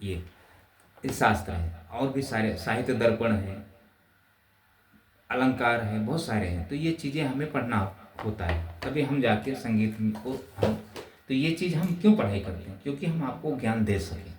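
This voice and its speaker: A man's voice: medium pitch, expressive, moderate pace, slight background noise. Man, music teacher, earnest explaining, roomy echo, a little distant from the mic. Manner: explaining earnestly, addressing viewers as friends. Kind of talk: spoken music lesson. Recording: roomy, slightly distant, faint ambience.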